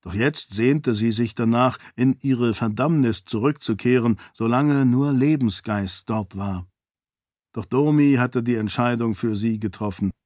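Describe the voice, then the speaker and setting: A man narrating a fantasy audiobook in a steady, clear storytelling manner. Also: mid-range voice, unhurried, dry recording, studio quality.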